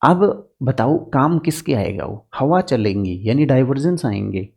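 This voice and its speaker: A man's voice: medium pitch, expressive, normal speed, vocal fry, darkish tone, husky. A man teaching political science exam strategy in an earnest, direct lecture, using homely farm examples to make his points.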